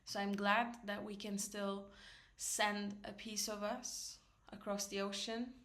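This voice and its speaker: A woman filmmaker records an earnest personal message, speaking deliberately. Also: mid-range voice, level tone, fairly bright tone.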